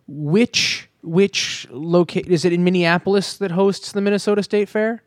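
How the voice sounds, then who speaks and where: A man's voice: high-pitched, moderate pace, no echo, clean studio sound. A man co-hosting a casual comedic chat, rambling and riffing in put-on voices. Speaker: podcast co-host.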